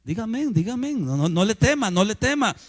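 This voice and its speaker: High-voiced preacher telling stories. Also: male voice, big pitch swings, normal speed. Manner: storytelling preacher, sudden shifts from loud exclamations to hushed asides. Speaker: pastor. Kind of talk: sermon.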